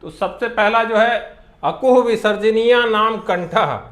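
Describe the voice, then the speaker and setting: A man lectures in a fairly high voice. He speaks very slowly and deliberately, saying each sound on its own as a classroom teacher does. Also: a bit bright. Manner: slow and deliberate, spelling out sounds one by one.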